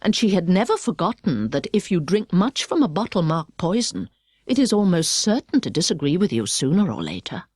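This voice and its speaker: Reading an audiobook, this British narrator tells the story with precision and expression, moving through widely varied intonation at a fairly quick pace. There's a breathy edge to her voice, captured in a dry studio recording.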